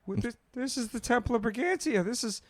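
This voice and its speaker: A man's voice: very high voice, fairly quick, no room sound, voice pushed up. A man voicing a wounded male stranger who begs at a temple door for healing, stammering and pleading. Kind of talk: voicing a character in a tabletop game.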